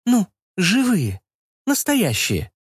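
A man's voice: sits high, huge pitch swings, takes it slowly, breathy edge, no echo, studio quality, voice pushed up, heavily acted. A man voicing a bossy, meddling middle-aged mother who scolds and fusses over her son. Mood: prying. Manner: insistent, scolding, fussy.

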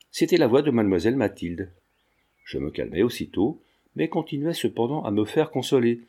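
A man reads a classic novel aloud in a steady, measured audiobook manner. His voice sits at an ordinary male pitch with a dark, mellow colour. The delivery stays calm and deliberate throughout. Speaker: audiobook reader. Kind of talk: literary audiobook narration.

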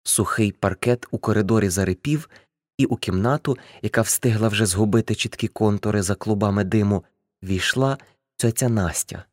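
Low-voiced woman narrating an audiobook. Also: moderate pace, darkish tone, no room sound, studio quality.

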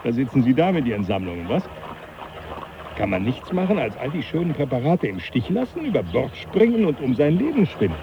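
An actor playing a jovial, teasing professor who laughs often, in a radio play. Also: male voice, medium pitch, sing-song, fairly quick, creaky, highs cut off. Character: jovial older male professor, mocking. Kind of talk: 1980s radio play acting.

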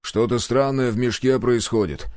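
Man doing a gruff, swearing street hunter. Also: mid-range voice, normal speed, a little mellow, dry recording, clean studio sound, natural voice. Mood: sullen. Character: surly, foul-mouthed street hunter man.

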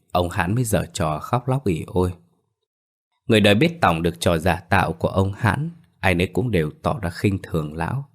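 A man narrating a ghost story in a steady, measured reading. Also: sits low.

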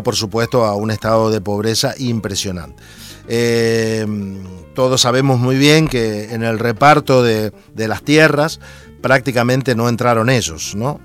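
A lower-voiced Argentine man hosting a radio talk program, halting and full of fillers as he gathers his thoughts. Faint music plays underneath. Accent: Argentine Spanish. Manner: hesitant, many fillers and restarts. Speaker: radio show host.

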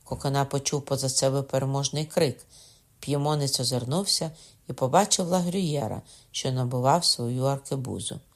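A man narrating a historical novel audiobook in a steady storytelling manner. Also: medium pitch, normal speed. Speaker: audiobook reader. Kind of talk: scripted narration.

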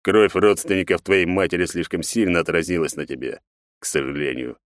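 A cold, contemptuous emperor who speaks slowly and growls his scorn, as a male narrator voices him. He is read from a storybook in a dry, close recording. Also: low-pitched, steady tone, no echo, lightly acted.

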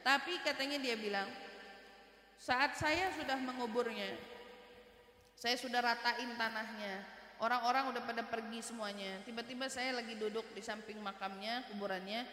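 A high, bright-voiced woman teaches an Islamic study lecture, weaving Arabic quotations into a lively story. She moves between loud urgent stretches and hushed ones. Her voice rings through a large room with a long, echoing reverb. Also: moderate pace. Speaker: religious teacher. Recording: echoey hall with long reverb.

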